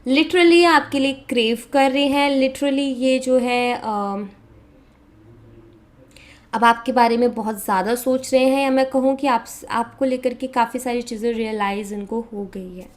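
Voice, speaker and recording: A woman from India talks through a tarot reading in a casual, conversational way. Her voice sits a little high, and she mixes English words in freely with frequent hesitation fillers. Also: fairly even intonation, measured pace. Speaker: tarot reader.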